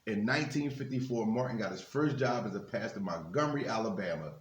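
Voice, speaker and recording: A man with a lowish, animated voice reads a children's book at a quick pace, stopping now and then for casual, encouraging remarks to the young kids listening. He's a guest reader at an event for a basketball team's literacy program, recorded in an echoey, reverberant room.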